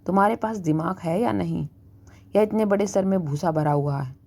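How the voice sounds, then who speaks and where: A woman's voice: on the low side, normal speed, vocal fry, warm tone. A woman as a scolding, scheming mother. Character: sharp-tongued middle-aged mother, scolding and scheming.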